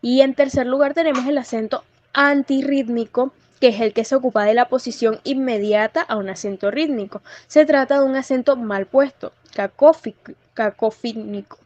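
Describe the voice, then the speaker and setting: A young woman presenting a read-aloud lesson on verse as a student, measured and careful, with small slips. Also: sits high, steady tone, a little mellow, no echo, highs cut off. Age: young adult.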